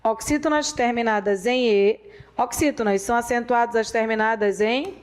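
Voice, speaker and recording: A woman teaching a grammar lesson, repeating rules slowly and drilling them aloud. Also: on the high side. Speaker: Portuguese teacher.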